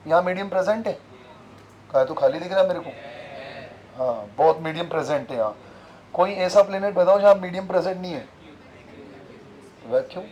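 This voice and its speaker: A man's voice: high voice, slight background noise, rough recording. A man teaching a physics class, constantly asking his students questions and repeating the key terms. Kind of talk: classroom lecture.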